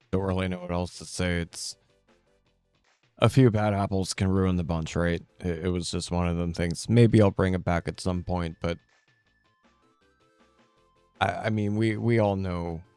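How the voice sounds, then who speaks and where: A man chatting casually as a game streamer, answering viewers' questions in a laid-back, rambling and halting way. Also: low voice, a little mellow, clean tone, no room sound.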